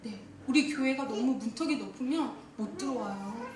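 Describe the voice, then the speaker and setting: Female seminar speaker, high voice, lively and laughing, booming hall echo. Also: moderate pace, slight background noise. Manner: lively, questions the audience and laughs often. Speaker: speaker at a church teachers' seminar. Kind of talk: interactive seminar talk. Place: church hall. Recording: echoey hall, voice from far off.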